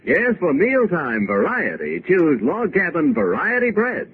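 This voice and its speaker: A man announces commercials and program sign-offs with a swooping, emphatic salesman's lilt. His voice sits slightly high. It comes through a narrow, tinny old broadcast disc transcription with a light hiss underneath. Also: a little slow, husky, faint music behind. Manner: lively, emphatic sales delivery. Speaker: radio announcer. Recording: thin, narrow-band old radio disc with faint hiss.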